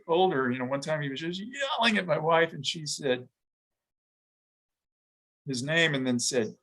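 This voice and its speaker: A middle-aged man, a guest in an interview, talking reflectively with frequent pauses, fillers and restarts. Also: fairly high pitch, a bit bright, poor audio. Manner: halting, thoughtful, many restarts and fillers. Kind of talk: reflective conversation.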